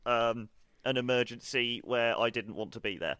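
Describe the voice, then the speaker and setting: A man's voice: mid-range voice, normal speed, bright, forceful tone. A man playing a fussy station manager in a tabletop game, rambling and laughing mid-sentence. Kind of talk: in-character role-play as a station manager.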